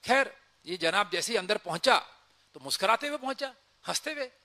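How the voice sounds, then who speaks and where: Speaking a little fast in a high-pitched voice, this man recounts an experience from his army days. He brings the tale to life by performing each character's lines.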